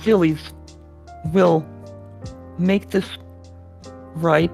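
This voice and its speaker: A solemn ghostly old mentor from a storybook reading, as a man acts him out, handing down wisdom in slow, weighty proclamations. Soft music sits underneath. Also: high voice, fairly even intonation, creaky, full character voice.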